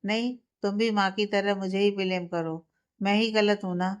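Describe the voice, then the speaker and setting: A woman voicing a proud young wife who answers back defiantly, in a smooth, clear voice. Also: medium pitch, steady tone, normal speed, lightly acted. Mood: sulky. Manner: defiant, indignant.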